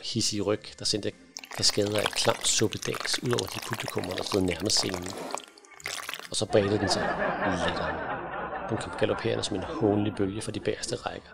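A man narrating a fantasy audiobook in a measured, dramatic storytelling manner. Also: lowish voice, little pitch movement, vocal fry, over loud music.

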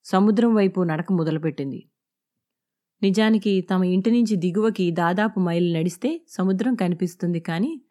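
A woman reading a serialized audio novel in a steady, subdued, measured way. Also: mid-range voice. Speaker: audiobook narrator.

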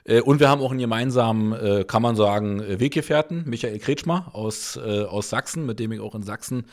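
A man hosts a relaxed interview in a fairly low voice. He keeps stopping on filler sounds and rephrases as he thinks aloud. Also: brisk. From Berlin. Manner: hesitant, many filler sounds. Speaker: podcast host. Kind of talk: casual interview chat.

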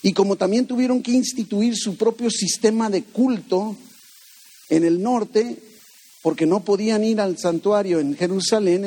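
A man's voice: high-pitched, warm tone. A man preaching a conversational sermon, asking rhetorical questions and acting out the voices he quotes. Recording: long hall reverb.

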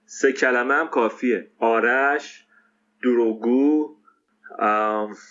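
A man's voice: mid-range voice, a bit bright, natural voice. A man playing a reluctant newcomer in a radio sitcom, giving terse short answers. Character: curt young male liar, reluctant newcomer. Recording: slightly muffled recording.

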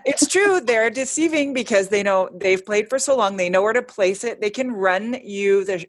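A middle-aged woman hosts a relaxed conversation, asking easy follow-up questions in a mid-range voice. Her voice comes through dry and close, with no room sound. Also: medium pitch, moderate pace, no room sound. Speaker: host. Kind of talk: casual chat.

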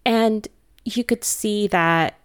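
A woman's voice: medium pitch, slow pace, clear, resonant tone. A woman recapping a movie plot in casual chat, laughing often and acting out the characters' lines. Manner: chatty, laughs often, acts out quoted lines.

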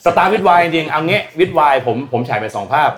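A man's voice: fairly high pitch, a little slow, crowd noise. Blunt, slangy Thai man explaining. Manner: blunt, slangy and animated, acts out quoted voices. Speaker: guest expert on energy and climate. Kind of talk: casual explanatory talk.

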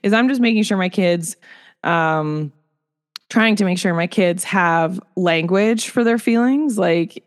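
A woman in her thirties chats candidly as a podcast co-host, her voice sitting a little low. She laughs often and lets thoughts trail off before picking them back up. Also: a little slow, clear, resonant tone. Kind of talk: casual chat.

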